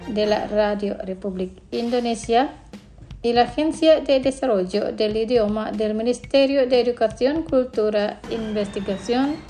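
A woman hosts a scripted radio language lesson in a slightly high voice. She speaks at a very slow, measured pace. She pronounces each word twice with care so listeners can repeat it. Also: mellow.

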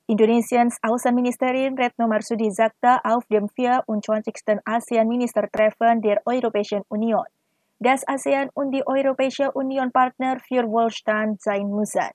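A woman reading a scripted news report in an even, formal manner. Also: a little high, moderate pace, no echo. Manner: even, formal read delivery. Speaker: news reader.

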